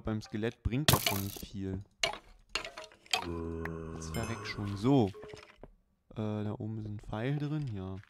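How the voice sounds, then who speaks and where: Male let's play host, relaxed, slow and low, filler-heavy, hissy recording. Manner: unhurried, chatty running commentary with many fillers. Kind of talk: casual gameplay commentary. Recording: clear background hiss.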